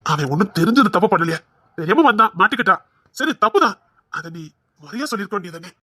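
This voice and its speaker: A man's voice: high-pitched, lively intonation, fast talker, pushed and bright, dry recording, full character voice. A man acting a stern in-law who scolds a young woman, with a Tirunelveli Tamil accent and a reproachful manner. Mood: angry scolding.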